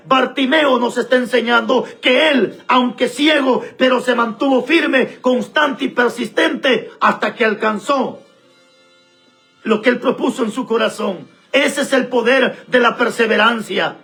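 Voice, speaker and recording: A pastor preaching with a very high, bright, ringing voice. He hammers points home through repetition and speaks straight to the listener. Soft music plays faintly behind him. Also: creaky. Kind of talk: sermon.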